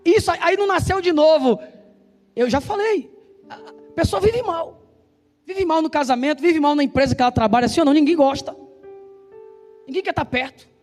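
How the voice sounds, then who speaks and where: A man with a striking, very high voice preaches in a Brazilian Portuguese accent, fast, loud and emphatic. He keeps throwing questions back at the congregation. The sound rings with a long church reverb over faint instrumental music. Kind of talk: sermon.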